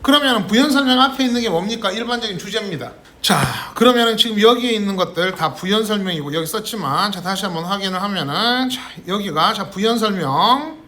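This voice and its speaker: A man's voice: sits high, animated, fast talker, few pauses, bright, forceful tone. A man teaching an English reading lesson in Korean, mixing in English phrases and starting sentences with frequent "자" fillers. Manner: explaining and joking with students. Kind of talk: classroom lecture.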